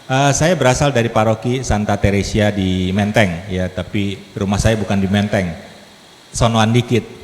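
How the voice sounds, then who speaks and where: A man's voice: on the low side, moderate pace. Joking preacher man in an echoey hall. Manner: joking, chatty, engages audience. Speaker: lay preacher. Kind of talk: sermon with humor. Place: church hall. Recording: echoey hall, faint background noise.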